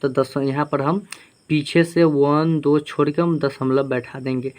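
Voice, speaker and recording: A man's voice: on the high side, fairly even intonation, measured pace, a little mellow. A young man teaching a math lesson, explaining step by step and checking in with his students as he goes. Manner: explains step by step, often asks "ठीक है ना".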